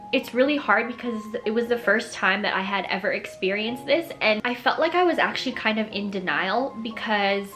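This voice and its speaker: A young woman from North America speaks earnestly to camera about a deeply personal experience, her voice close to tears. She talks in a reflective, unhurried way, often stopping on fillers, while soft music plays quietly behind her. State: tearful, emotional. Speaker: vlogger.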